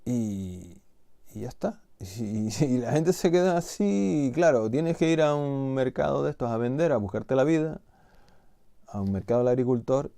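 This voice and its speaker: A man's voice: medium pitch, animated, moderate pace, vocal fry, dark tone, dry recording. A middle-aged man with a Canarian Spanish accent, talking in a casual explanatory monologue as the host of his own video. He sounds indignant and fires off rhetorical questions.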